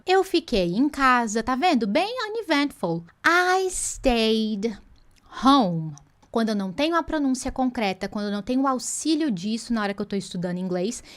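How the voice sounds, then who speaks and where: A Portuguese-speaking woman teaching an online English lesson, lively and playful, slowing phrases down to show them. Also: on the high side.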